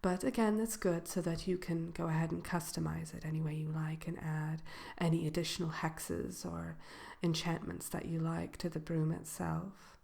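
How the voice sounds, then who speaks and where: A woman voicing the Wicked Witch as a haughty yet gracious shopkeeper in a soft ASMR role-play, genteel and coy, often slipping into a whisper. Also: deep voice, little pitch movement. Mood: unhurried, confiding. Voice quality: creaky, breaking into whisper. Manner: unhurried, hesitant pauses, genteel, coy.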